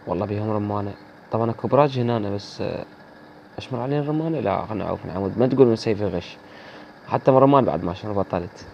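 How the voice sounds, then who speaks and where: A man's voice: fairly low pitch, very fast, creaky, darkish tone, lo-fi sound, a little hiss or hum. A man with an Iraqi accent commenting live on his gameplay, teasing opponents and chatting to viewers. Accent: Iraqi Arabic. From Iraq. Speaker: gaming video host.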